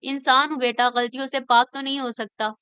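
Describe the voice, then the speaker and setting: A woman voicing a guilt-ridden middle-aged father in an audiobook reading, speaking softly and pleadingly. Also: sits high, flat delivery, a little fast, smooth, no echo. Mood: remorseful. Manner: soft, pleading. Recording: slightly dull lo-fi recording.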